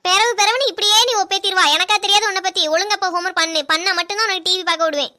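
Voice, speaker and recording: A woman's voice: very high-pitched, fairly even intonation, racing, pushed and bright. A woman voicing a stern young mother in a cartoon, nagging sharply. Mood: exasperated. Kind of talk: cartoon voice acting.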